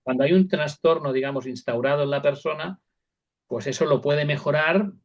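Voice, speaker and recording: A man's voice: fairly high pitch, normal speed, muffled recording. A man speaking as a psychologist guest, explaining step by step with examples and frequent repeated words. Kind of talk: casual interview talk.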